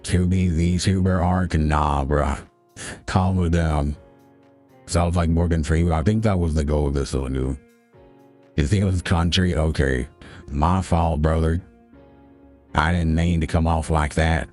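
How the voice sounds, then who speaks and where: This is a man heard through a deep voice changer that pushes his voice extremely low. He talks slowly and lazily in joking banter with his chat, full of slang. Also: steady tone, a little mellow, soft background music. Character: booming ultra-deep filtered male streamer voice. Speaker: streamer.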